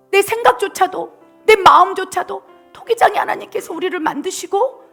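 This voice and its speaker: A middle-aged woman missionary pastor preaching a passionate sermon, swinging from loud appeals down to soft whispers. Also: extremely high pitch, creaky.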